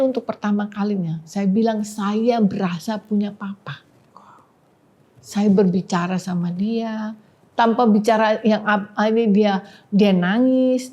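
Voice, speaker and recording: Woman guest, heartfelt testimony, warm low tone, dull lo-fi recording. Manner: emotional storytelling, quoting prayers softly. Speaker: podcast guest. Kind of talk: personal testimony in a talk show.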